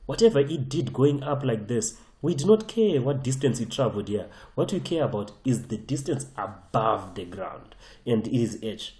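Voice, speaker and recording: A man's voice: mid-range voice, very animated, normal speed, dark tone, roomy sound. A man teaching a physics lesson over a whiteboard, emphatic and often repeating and restarting his phrases. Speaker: physics tutor.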